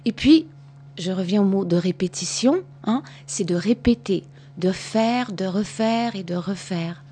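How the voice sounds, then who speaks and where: Husky-voiced stage actress. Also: female voice, medium pitch, expressive, measured pace, dark tone. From Canada. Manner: patient, explanatory, repeats words for emphasis. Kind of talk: answering children's questions after a show.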